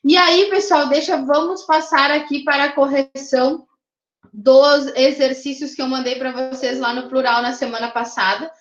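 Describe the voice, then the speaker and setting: High-voiced teacher in an echoey room. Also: female voice, level tone, normal speed, dull audio. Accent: Brazilian Portuguese. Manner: explanatory, checks in with "tá?" and "né?". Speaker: English teacher. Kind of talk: online class lecture.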